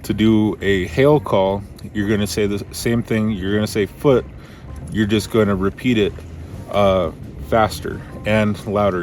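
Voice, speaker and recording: A low-pitched man explains a technique in a casual how-to style. He speaks haltingly, thinking aloud as he instructs. Music plays clearly behind his voice. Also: darkish tone. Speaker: duck calling instructor.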